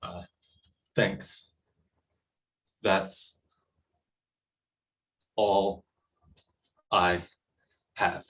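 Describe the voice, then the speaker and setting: Man, low and very slow, halting, sits back from the mic. for closing remarks. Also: level tone, a bit bright. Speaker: featured speaker. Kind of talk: short closing remarks at a ceremony. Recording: distant from the mic.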